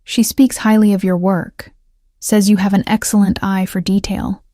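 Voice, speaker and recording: A woman narrator voicing a suave, menacing Italian male crime boss with a low, textured voice and an Italian accent, in an audiobook. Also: level tone, normal speed, dark tone, dry recording, studio quality, close to an everyday voice. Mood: silky, menacing. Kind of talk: audiobook character voice.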